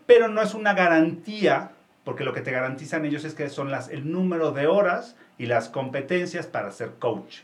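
A man's voice: on the high side, lively intonation, normal speed. A man with a Mexican accent, an executive coach, explaining his work in a casual interview, often restarting phrases and checking in with tag questions. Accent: Mexican Spanish. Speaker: executive coach, company founder.

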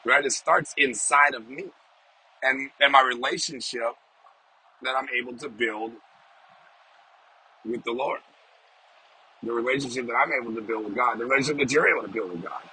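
Bright-voiced man preaching informally, smoker's voice. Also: mid-range voice, slightly rough, low-quality recording. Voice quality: smoker's voice with occasional cough. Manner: halting, repeats phrases for emphasis, seeks agreement with "right?". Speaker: podcast host giving a devotional. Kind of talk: informal off-the-cuff sermon and prayer. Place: inside a parked small car.

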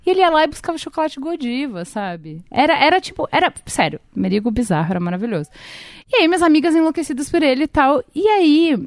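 Fairly high-voiced Brazilian woman, dry close sound. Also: fast talker, dry recording. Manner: animated storytelling, many fillers and restarts. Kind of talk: casual chat.

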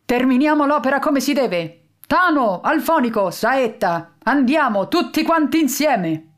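A woman's voice: sits high, lively intonation, a little slow, voice pushed up. A woman voicing a brave male pigeon lieutenant who barks military orders. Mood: commanding.

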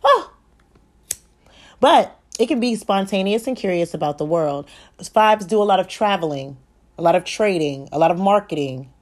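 A woman hosting a solo podcast from home, talking fast and rambling, swearing often and correcting herself as she goes. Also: fairly low pitch, darkish tone. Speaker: podcast host. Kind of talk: solo spiritual podcast monologue. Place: home at night, child asleep nearby.

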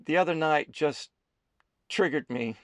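A man voicing a gentle, shy young man who talks haltingly. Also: a little high, dry recording, studio quality, pitched above the performer's own voice. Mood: sober. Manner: hesitant, halting.

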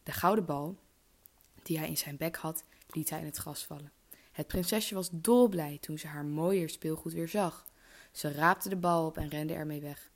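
Casting: low-voiced woman, measured fairy-tale storyteller. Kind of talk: reading a fairy tale aloud.

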